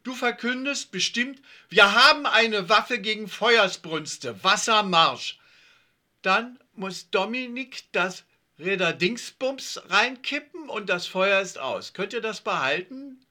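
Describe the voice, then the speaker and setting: A man's voice: sits high, lively intonation, unhurried, pushed and bright, pitched above the performer's own voice, heavily acted. A man voicing a bossy, practical schoolgirl in a children's story reading. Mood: eager bossy.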